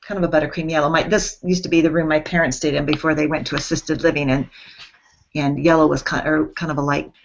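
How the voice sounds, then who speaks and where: Thoughtful woman from Central Washington, gravelly voice, lo-fi video call. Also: deep voice, flat delivery, fast talker. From Central Washington, USA. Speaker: discussion group member. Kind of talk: casual group discussion. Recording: dull lo-fi video call audio.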